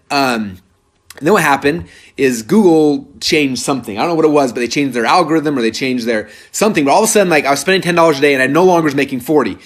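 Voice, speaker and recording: A man in his thirties presenting a live sales webinar, telling a story in an energetic, rambling way with lots of filler words. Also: fairly high pitch.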